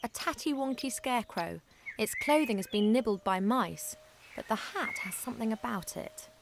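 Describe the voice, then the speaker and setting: An actress playing a plucky, chatty young elf adventurer in a video game, with a spirited delivery. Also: female voice, a little high, lively intonation, normal speed, gravelly, noisy background. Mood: curious, musing. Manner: spirited, talking to herself and her bird. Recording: music under the voice.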